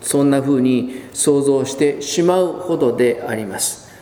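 A man preaching a sermon as pastor, telling the story with lively emphasis, drawing out key words and acting out quoted lines. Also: mid-range voice, a little slow. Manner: animated storytelling, acts out quoted speech. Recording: echoey hall with long reverb.

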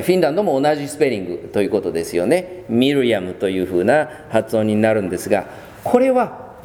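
A man's voice: medium pitch, mellow. Man preaching a sermon in a church hall. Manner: measured, with many pauses and fillers. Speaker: pastor. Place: church sanctuary. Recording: long church reverb.

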